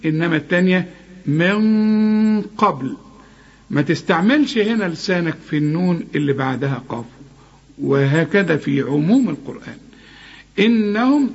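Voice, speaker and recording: A man with an Egyptian accent teaching Quran recitation one to one. He corrects his student, recites words slowly to show each rule, and asks and answers his own questions. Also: on the high side, vocal fry, slightly rough, dull audio. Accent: Egyptian Arabic.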